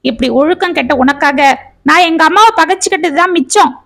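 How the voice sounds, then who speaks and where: A bitter young husband hurls harsh accusations in a fairly high voice, played by a woman narrator. He scolds relentlessly and cuts off any reply, keeping every line sharp. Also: brisk, gravelly, exaggerated voice. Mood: angry.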